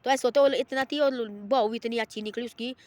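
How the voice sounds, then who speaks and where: A woman's voice: on the high side, steady tone, fairly quick, a little mellow. A woman telling an informal moral story, rambling and repeating herself and voicing the people in it. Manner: rambling and repetitive, voices the people in her story.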